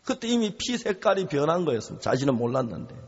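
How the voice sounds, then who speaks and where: Male pastor preaching a sermon, fairly high and very lively, animated storyteller who acts out voices. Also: fast talker, creaky, breathy edge. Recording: reverberant hall, dull lo-fi sound.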